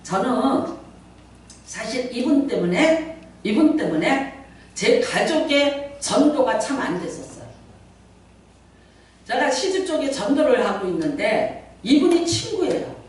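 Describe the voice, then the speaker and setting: A middle-aged woman pastor giving a Sunday sermon, chatty and playful as she tells stories and acts out quotes. Her pitch swings widely and animatedly. The sound is very echoey, with the mic set well back in a church hall. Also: big pitch swings, a little slow, pauses often, a little mellow, far from the mic. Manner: conversational storytelling with playful asides and acted-out quotes. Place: church sanctuary.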